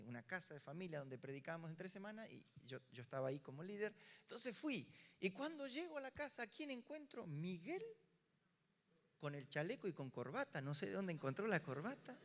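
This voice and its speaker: Animated older pastor in a reverberant hall. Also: male voice, a little high. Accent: Rioplatense Spanish. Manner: animated storyteller acting out dialogue. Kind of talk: sermon storytelling.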